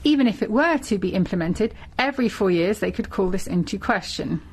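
A woman speaking in a live interpreter voice, rendering a parliamentary speech as it is given, in measured phrases. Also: mid-range voice, lively intonation, darkish tone, breathy edge.

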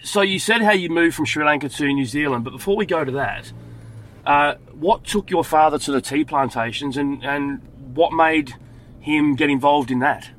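A man's voice: fairly high pitch, normal speed, fairly bright tone, low-quality recording. A man hosting a casual chat from behind the wheel of his car. He asks questions in a friendly, easygoing way with plenty of hesitant fillers. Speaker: podcast host interviewing in his car. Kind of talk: casual chat while driving. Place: driving a car. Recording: faint road noise.

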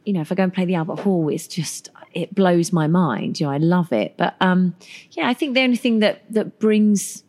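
A woman's voice: lowish voice, moderate pace, darkish tone. A woman guest on a podcast interview, speaking modestly and hesitantly with many fillers. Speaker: guest, stage performer. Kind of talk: casual interview.

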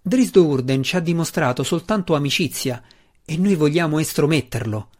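A man voicing a gruff, hot-tempered male deep gnome warden who growls and protests loudly. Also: animated, normal speed. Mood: indignant. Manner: loud, growling and indignant.

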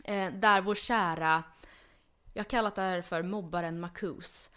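A woman's voice: on the low side, steady tone, bright, forceful tone, smooth. Chatty woman podcast host. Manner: chatty, many fillers and restarts. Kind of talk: casual chat.

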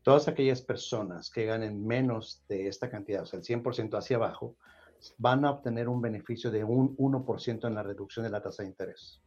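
Talking a little fast in a low-leaning, darkish voice, this man from Mexico hosts a podcast with a Mexican Spanish accent. He explains casually, says things more than once, and keeps adding "¿verdad?", and the sound is lo-fi.

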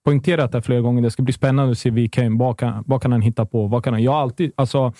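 Male pundit, dark mellow tone, dry sound, emphatic and rambling. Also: medium pitch, fairly even intonation, no echo. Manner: emphatic, rambling with many restarts. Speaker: football pundit. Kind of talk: casual podcast chat.

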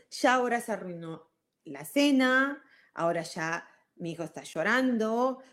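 A woman with an Argentine accent giving an animated motivational talk, acting out everyday scenes. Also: lowish voice. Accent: Argentine Spanish. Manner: animated, acts out everyday scenes, frequent fillers.

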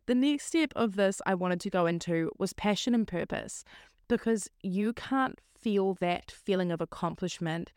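A woman hosting a solo motivational podcast, talking in an earnest, encouraging way with a slightly croaky voice. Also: mid-range voice, darkish tone, no echo, clean studio sound. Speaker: podcast host.

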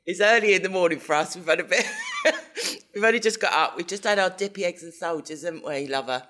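A woman's voice: fairly low pitch, brisk, a bit bright. A woman co-hosting a podcast in casual chat, teasing her partner and laughing often. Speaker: podcast co-host.

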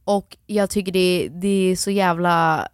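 A young woman co-hosting a casual chat, giving blunt opinions and swearing freely. Her voice is lowish and sounds dry and close, with no room around it. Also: steady tone, dry recording. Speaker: podcast co-host.

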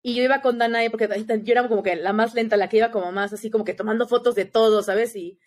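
A quick-talking young woman from Mexico, with a fairly high pitch and a steady tone, chats casually as a podcast guest. Her Mexican accent comes through, and "¿sabes?" pops up again and again.

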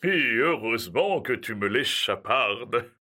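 A man playing a jolly, carefree old Father Christmas in an audio story, calm and reassuring. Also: medium pitch, takes it slowly, exaggerated voice. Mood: jovial.

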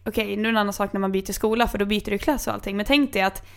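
A young woman co-hosting a podcast, chatting casually and rambling with many fillers. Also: medium pitch. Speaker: podcast co-host. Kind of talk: casual chat.

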